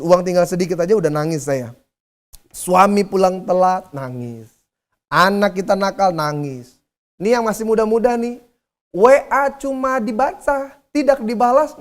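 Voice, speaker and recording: A woman's voice: medium pitch, a little mellow. A woman pastor preaching a sermon. She moves between reading scripture and casual, humorous asides, and laughs along with her own everyday examples.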